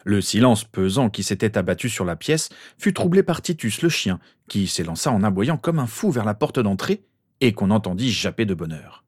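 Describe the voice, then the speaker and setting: Male audiobook reader, low voice, steady delivery, dry recording. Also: normal speed, no room sound. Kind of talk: audiobook narration of fan fiction.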